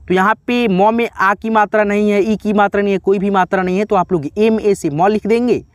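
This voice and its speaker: Man, high voice, dry close sound, patient spelling lesson. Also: fairly even intonation, a little fast, no echo. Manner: patient, repetitive teaching, frequent "theek hai". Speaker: English teacher.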